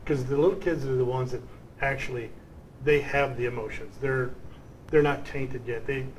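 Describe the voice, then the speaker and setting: A man's voice: medium pitch, fairly even intonation, moderate pace, slight background noise, low-quality recording. A man hosting an art showcase, chatting effusively with a guest about her paintings. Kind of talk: casual interview.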